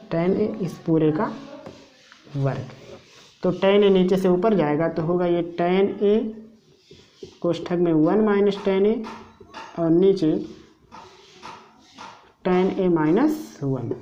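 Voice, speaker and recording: A woman teaching math at a very unhurried pace, patiently talking through every step of a proof. Her voice sits a little low and sounds warm. The recording is muffled and lo-fi. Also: a little hiss or hum. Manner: patient, walks through each step aloud. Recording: dull lo-fi recording.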